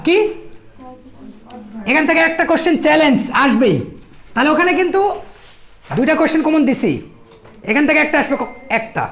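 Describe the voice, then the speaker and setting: A woman with a Bangladeshi Bengali accent teaching English at a coaching class, firing quick rhetorical questions at her students. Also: high-pitched. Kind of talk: classroom lecture.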